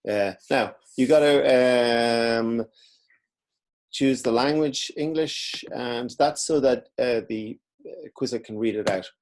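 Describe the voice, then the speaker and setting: A man teaching in a relaxed, informal way, walking through a screen-recorded software tutorial. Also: mid-range voice, takes it slowly. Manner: relaxed, informal explaining while clicking.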